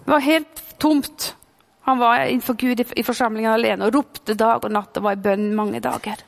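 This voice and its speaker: A woman preaching a sermon with a mix in her speech, fervent, swinging between loud calls and hushed whispers. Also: a little high, level tone, gravelly. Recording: long hall reverb.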